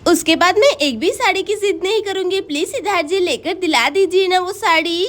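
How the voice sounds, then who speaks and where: A woman's voice: extremely high pitch, a little fast, fairly bright tone. A woman voicing Pinky, a young wife in a doll story who pleads, whines and sulks tearfully. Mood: pleading.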